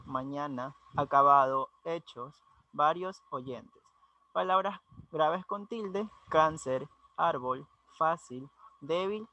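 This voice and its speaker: A man's voice: fairly high pitch, bright, forceful tone. A young man giving a student class presentation, reading out definitions and lists of example words with uneven emphasis. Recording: dull lo-fi sound.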